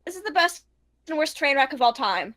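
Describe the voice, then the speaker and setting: Woman doing a very high, bright cartoon co-commentator. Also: sing-song, brisk. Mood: flippant. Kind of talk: improvised comedic fandub commentary.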